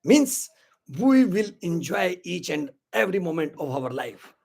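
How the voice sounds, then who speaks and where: An upbeat Indian-accented man in his sixties runs a motivational webinar, mixing Hindi and English, live-streamed to social media and greeting people by name as "my dear friends." He talks very slowly in a high-pitched, sing-song way, his tone gravelly and darkish.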